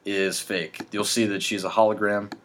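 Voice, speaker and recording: A man co-hosting a casual comedy podcast, deadpan and halting, with many fillers and restarts. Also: fairly low pitch, a little hiss or hum. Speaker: podcast co-host.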